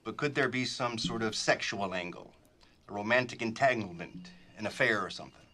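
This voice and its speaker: A man's voice: fairly low pitch, brisk, sharp tone. An actor playing an inquisitive man who asks careful, coaxing questions. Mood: probing. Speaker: film character.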